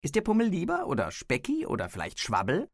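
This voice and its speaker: A man's voice: on the high side, sing-song, moderate pace, no room sound, studio quality, voice pushed up. A cheeky teenage girl performed by a man trades mocking taunts in a storybook reading. The voice sits well above a man's usual register, light and teasing.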